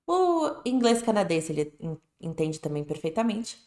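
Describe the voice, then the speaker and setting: Woman teacher, chatty explainer, lowish voice, echoey room. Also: very animated, normal speed, darkish tone. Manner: chatty, explanatory, rising with emphasis. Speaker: English teacher. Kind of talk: casual online lesson.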